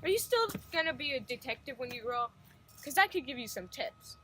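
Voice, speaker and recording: A woman's voice: high voice, lively intonation, brisk, pushed and bright, slight background noise, poor audio. A woman voicing Les, a boastful policeman's son with a smug, show-off manner, in an amateur audio drama.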